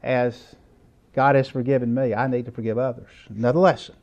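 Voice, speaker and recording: A man's voice: medium pitch, little pitch movement, fairly quick, a little mellow, lo-fi sound. A middle-aged man preaching a sermon lesson, conversational and asking his listeners questions. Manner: conversational, asks the audience questions.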